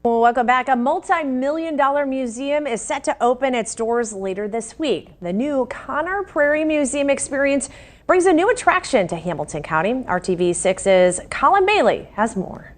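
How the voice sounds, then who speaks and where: An American woman with a fairly high, expressive voice presents live on a television newscast. At a moderate pace, she moves through forecasts and news items in her role as a broadcast presenter.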